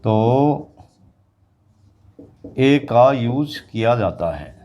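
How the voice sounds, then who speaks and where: A man teaching an English grammar lesson to students, explaining slowly and repeating example words. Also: mid-range voice, lively intonation, a little mellow. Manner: slow, repetitive explaining, addressing students directly.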